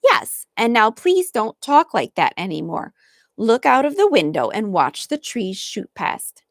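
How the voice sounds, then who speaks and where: A woman voicing a patient mother in a storybook, speaking calmly and soothingly. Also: fairly high pitch, measured pace, dry recording, studio quality. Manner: calm, soothing. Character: patient mother of twins, gentle.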